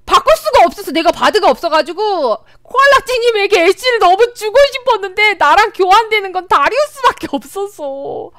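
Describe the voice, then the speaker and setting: A young woman streaming a game live, chatting with viewers and her team in an excitable, talkative way. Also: extremely high pitch, no room sound, clean studio sound.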